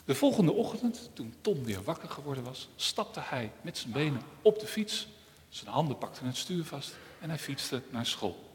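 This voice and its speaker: Pastor telling kids a story in church. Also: male voice, medium pitch, moderate pace. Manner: lively storytelling to children. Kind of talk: children's story in a church service. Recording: long church reverb.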